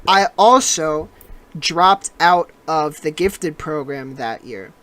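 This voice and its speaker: A young adult co-host tells a long personal story on a casual podcast. The delivery rambles, full of fillers and restarts, and turns animated as the story builds. The pitch sits in a middle range. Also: slow pace, crowd noise.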